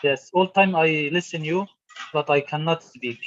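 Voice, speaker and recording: A man's voice: on the high side, measured pace, lo-fi sound, background noise. A man from Syria, a student in an online English class, speaking hesitant broken English with restarts over a video call. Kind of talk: halting conversation practice.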